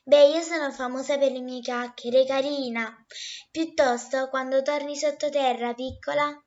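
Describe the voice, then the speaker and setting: A woman voicing a chatty, vain, gossiping eggplant lady in a storybook, loud and self-satisfied. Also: sits high, steady tone, a little slow, highs cut off.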